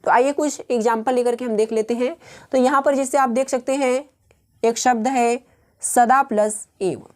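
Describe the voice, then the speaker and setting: A woman teaching grammar, patient and repetitive, who walks through each rule step by step with frequent pauses. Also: fairly high pitch, steady tone. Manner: patient, slow and repetitive, pausing often. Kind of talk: explaining grammar rules step by step.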